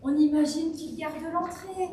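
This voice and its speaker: A woman's voice: high voice, fairly even intonation, measured pace, mellow, a little hiss or hum. A woman playing a polite, eager-to-please young wife with a prim, courteous manner, in an amateur stage play. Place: theatre stage. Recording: very echoey hall from far off.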